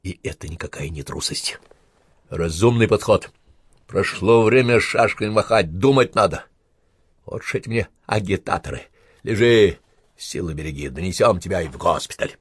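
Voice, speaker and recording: A stern, gruff army captain, played by a man reading aloud speaks in clipped orders. The voice sits low and a little husky. The recording is close and dry. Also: animated, moderate pace, no echo. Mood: lecturing. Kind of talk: audiobook character reading.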